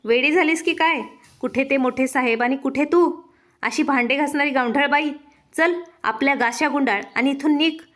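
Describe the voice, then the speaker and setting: A woman's voice: sits high, moderate pace, a bit bright. A woman voicing a haughty, wealthy bungalow mistress who talks down with scorn. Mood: scornful. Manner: scolding, contemptuous.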